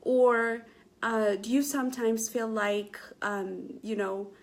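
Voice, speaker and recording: Speaking slowly in a fairly high, steady voice, a middle-aged woman from Ethiopia addresses viewers on her casual Facebook Live motivational stream. She's earnest, often using fillers and restarting sentences.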